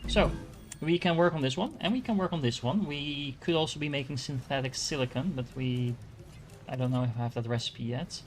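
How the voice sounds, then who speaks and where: Thinking aloud as he plays, a gaming streamer from the Netherlands offers casual commentary in a Dutch accent, full of fillers and restarts. His voice is fairly high and fairly quick, and there's a little hiss or hum.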